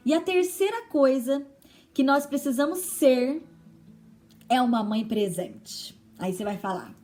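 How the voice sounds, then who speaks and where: High-voiced Brazilian woman preaching. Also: measured pace, dark tone, soft background music. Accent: Brazilian Portuguese. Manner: chatty teaching tone with frequent tag questions. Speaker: women's ministry preacher. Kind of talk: conversational sermon.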